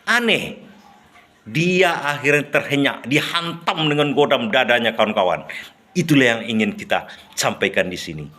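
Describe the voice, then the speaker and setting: A man's voice: medium pitch, expressive, normal speed, fairly bright tone. A man telling a moral story in a chatty way, laughing often and addressing his listeners as friends. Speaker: motivational storyteller. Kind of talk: storytelling talk.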